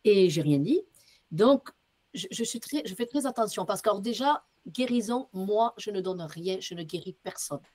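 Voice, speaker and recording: A woman medium, interviewed as a guest, telling stories in a casual, lively way, acting out bits of dialogue and using casual slang. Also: mid-range voice, moderate pace. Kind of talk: casual storytelling.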